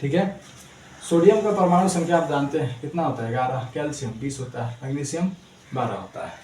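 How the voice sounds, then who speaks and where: A man with a slightly high voice teaches a chemistry lesson in with a tinge. He repeats every point and drills students with rhyming memory chants. The recording is roomy and distant, with a faint hum behind him. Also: a little fast, darkish tone. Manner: repeats key points with frequent "ठीक है". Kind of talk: chemistry class explanation. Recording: echoey room, mic far off, faint background noise.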